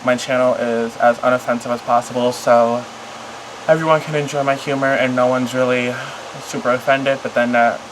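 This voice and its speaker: A vlogger talking casually and confessionally to camera in a halting, rambling, apologetic way that often trails off. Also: medium pitch, flat delivery, noisy background. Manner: apologetic, self-conscious.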